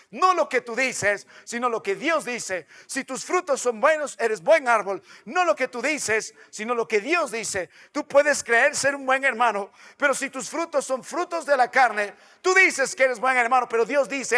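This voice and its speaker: A male pastor delivers a sermon in a strikingly high voice. His tone is forceful and bright. He hammers his points through repetition and rhetorical questions. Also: animated, measured pace, few pauses.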